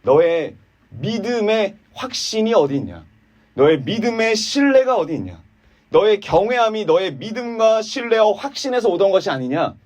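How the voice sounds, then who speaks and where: A man preaching a sermon in a church, swinging between emphatic high peaks and low quiet asides, mocking the people he quotes. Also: normal speed. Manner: animated, rising to emphatic peaks then dropping low and quiet; voices quoted speakers in a mocking, sarcastic tone.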